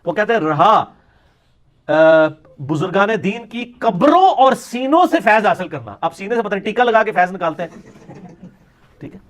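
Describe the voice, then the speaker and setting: A man's voice: high voice, very animated, pauses often, a bit bright. A man giving a polemical religious lecture, mocking his opponents and dropping into quips. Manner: sarcastic, mocking, lapses into Punjabi quips. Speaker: religious speaker.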